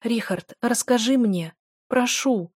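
A woman's voice: a little high, moderate pace, a little mellow, no room sound, clean studio sound, voice pushed up, close to an everyday voice. A woman reading an audiobook voices an anxious, tearful young wife who speaks in a raised, pleading, urgent way.

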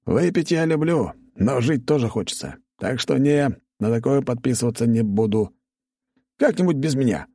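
A wry young aristocrat who jokes his way out of everything, his voice raised and lively, as a male narrator puts him on. The tone stays dark and the sound dry. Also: mid-range voice, normal speed, no echo, voice pushed up. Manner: wry, joking.

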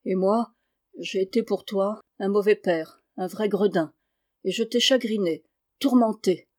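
A gruff, blustering farmer father from a classic storybook, read by a woman. He speaks in a plain, mid-pitched voice. The reading stays close to the reader's own tone. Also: darkish tone, lightly acted.

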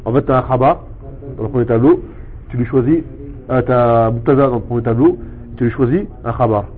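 Guy teaching a lesson slow n patient, mid voice, thin phone sound. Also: mid-range voice. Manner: patient, step-by-step, repeats words slowly. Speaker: Arabic teacher. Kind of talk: explaining a language lesson. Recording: tinny phone-like sound with faint noise.

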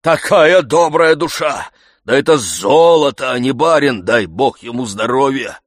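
A man voicing a grumpy old male servant who wheezes hoarsely and scolds hotly. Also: medium pitch, expressive, dry recording, clean studio sound, pitched above the performer's own voice. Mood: boastful. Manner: heated, scolding, quick to shout.

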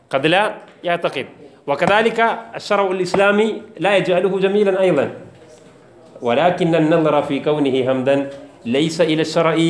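Male teacher, lecture style, somewhat high voice, repeats lines and quizzes, roomy echo. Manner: repeats key phrases and quizzes students, jokes. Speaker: teacher of Islamic theology. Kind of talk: classroom text lecture.

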